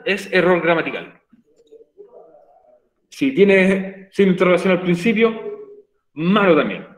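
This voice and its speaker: A man's voice: fairly high pitch, reverberant, poor audio. A male English teacher giving an online class, explaining patiently and often checking that students follow. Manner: patient, repeats points, checks understanding with frequent "ok?". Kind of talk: virtual class explanation in Spanish.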